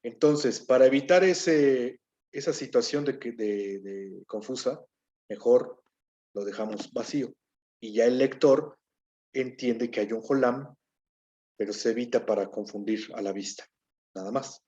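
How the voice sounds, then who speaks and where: A man's voice: medium pitch, unhurried, mellow, muffled recording. A man teaching a grammar lesson, explaining step by step and often checking in with his listeners. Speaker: Hebrew teacher.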